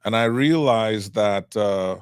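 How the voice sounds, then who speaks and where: A middle-aged man from Cameroon, a trial attorney, speaking as a guest in an interview in a measured, reflective way. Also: fairly low pitch, clean tone, no room sound, clean studio sound. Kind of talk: interview conversation.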